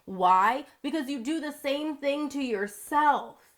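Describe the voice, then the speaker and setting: A woman's voice: high voice, lively intonation, takes it slowly, a bit bright. A congested, sick woman giving a direct, blunt motivational talk to camera as a vlogger.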